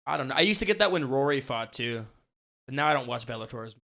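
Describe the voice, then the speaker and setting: A man's voice: mid-range voice, expressive, fast, vocal fry, bright, forceful tone. Laid-back young man, podcast co-host. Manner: laid-back, swears often, lots of "like" fillers. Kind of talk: casual podcast chat.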